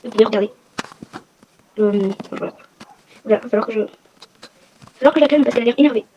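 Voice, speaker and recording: A woman's voice: fairly high pitch, fast. A woman hosting a casual game walkthrough vlog, chatty and rambling, with self-mocking asides. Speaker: gaming video host. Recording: noisy with clicking sounds.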